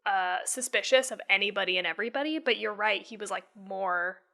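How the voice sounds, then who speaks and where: A woman co-hosting a podcast, talking casually with halting restarts and frequent swearing. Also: mid-range voice, gravelly, pushed and bright. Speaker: podcast co-host. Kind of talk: casual chat about a horror film.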